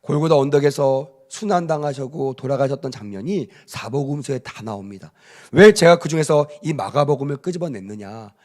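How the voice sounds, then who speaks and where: A man's voice: medium pitch, expressive, brisk, darkish tone. A male pastor preaching a Good Friday sermon, emphatic, with rhetorical questions and call-and-response with the congregation.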